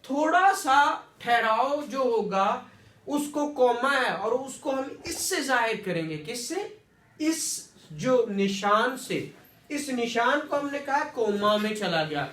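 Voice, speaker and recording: Man, teacher, slow deliberate delivery, recorded from a distance. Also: extremely high pitch, lively intonation, a bit bright. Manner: repeats words and quizzes students with questions. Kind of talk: classroom lecture. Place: classroom. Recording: echoey room, distant mic.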